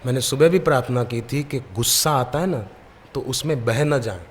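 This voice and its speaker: A spiritual preacher speaking at a mid-range pitch and a moderate pace delivers a devotional sermon at a gathering, telling parables in a lively way and acting out the voices of the people in his anecdotes. His words ring out with the long reverb of a large hall, and there is a little hiss or hum.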